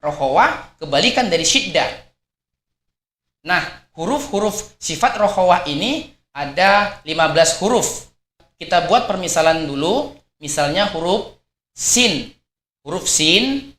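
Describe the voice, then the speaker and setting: A man's voice: high voice, a bit bright. Man teaching in an echoey room. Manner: patient, repeats points and models each sound aloud. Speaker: Quran recitation teacher. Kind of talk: explanatory religious lesson.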